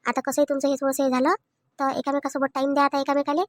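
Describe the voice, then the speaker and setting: A woman voicing a soothing high-voiced sister-in-law. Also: monotone, rapid-fire, no room sound, clean studio sound, lightly acted. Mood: advising. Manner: soothing, advising. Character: sensible sister-in-law who mediates the quarrel.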